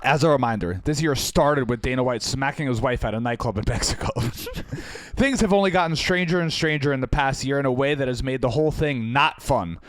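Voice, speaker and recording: A man's voice: medium pitch, fairly quick, dry recording. A man co-hosting a casual podcast, joking and cursing freely with his co-host. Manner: joking, profane, self-deprecating. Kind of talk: casual chat. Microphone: close podcast mic.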